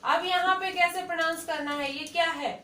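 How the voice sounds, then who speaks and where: High, bright-voiced woman teaching a class. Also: steady tone, moderate pace. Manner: patient, questioning, checks understanding often. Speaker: English teacher. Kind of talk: classroom lesson. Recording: echoey classroom, far from mic, faint noise.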